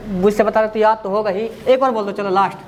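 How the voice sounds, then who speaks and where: A man's voice: high-pitched, steady tone, fast, a little hiss or hum. A man teaching a memory class, reciting long lists by rote and then quizzing his students in a casual, chatty way.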